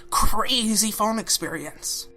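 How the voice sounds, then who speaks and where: A woman's voice: mid-range voice, animated, slow, bright, forceful tone. A young woman hosting a reaction video, talking bluntly and sarcastically and swearing freely. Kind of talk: casual reaction commentary. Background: background music.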